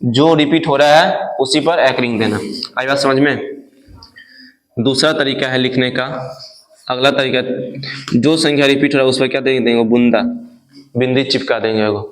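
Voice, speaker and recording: A man's voice: medium pitch, fairly even intonation, normal speed, long pauses, low-quality recording. Man quizzing his class. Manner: quizzing the class with repeated questions. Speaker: math teacher. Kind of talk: classroom lecture.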